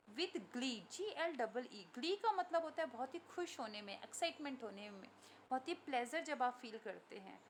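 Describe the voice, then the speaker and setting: Slow-speaking Indian woman teacher. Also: high voice, a little hiss or hum. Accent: Indian English. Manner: slow, patient explaining, mixing English and Hindi. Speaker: primary school teacher. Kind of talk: classroom poem explanation.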